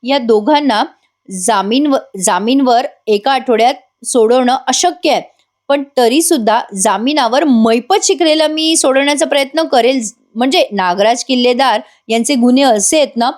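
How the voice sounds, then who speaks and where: A cautious male lawyer weighs a shady request, hesitant and questioning, voiced by a woman. The voice stays high. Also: normal speed, a little mellow, close to an everyday voice. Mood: wary.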